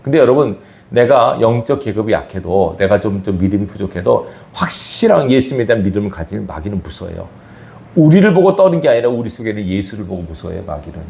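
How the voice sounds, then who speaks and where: A man's voice: on the low side, very animated, fast, vocal fry, a little mellow. A man preaching a sermon as pastor, his emphasis rising and falling sharply. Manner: emphatic preaching with sudden rises and drops. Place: church sanctuary. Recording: echoey church hall.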